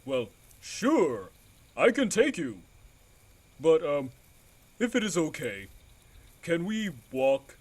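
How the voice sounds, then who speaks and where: A man's voice: a little high, very animated, slow pace, pauses often, husky, exaggerated voice. A man voicing a timid male gorilla with allergies who apologizes and stammers. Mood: eager. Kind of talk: fan audio drama acting.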